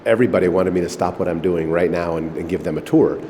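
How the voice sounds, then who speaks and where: A middle-aged man giving a tour of the old missile silo he owns speaks fast in a voice that sits low. It's a casual conversational interview; he rambles in a relaxed way, leaning on fillers, as his words echo off the concrete chamber over faint background noise.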